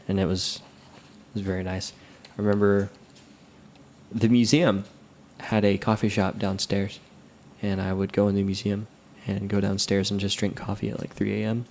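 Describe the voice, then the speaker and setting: A co-host chatting casually and reminiscing, relaxed and a little hesitant. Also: low voice, moderate pace, slight background noise. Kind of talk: casual chat.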